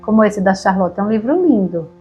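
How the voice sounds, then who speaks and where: A woman with a Brazilian Portuguese accent co-hosting a relaxed conversation about reading aloud to children, often tagging her sentences with questions. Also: mid-range voice, fairly quick, husky, faint music behind. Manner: relaxed, chatty, frequent tag questions. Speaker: podcast co-host.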